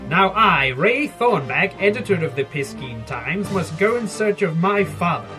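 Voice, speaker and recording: A man's voice: high voice, big pitch swings, measured pace, music in the background. A man playing an earnest, heroic male fish newspaper editor in a comedy audio drama, with an overwrought, melodramatic delivery.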